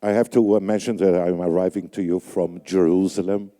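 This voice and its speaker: A steady, low, very dark voice rings out in a large reverberant hall: an older man raised on Yiddish, a radio announcer hosting a conference, giving emcee remarks into a stage microphone. He speaks slowly and deliberately, halting with fillers and pausing briefly to choose his words.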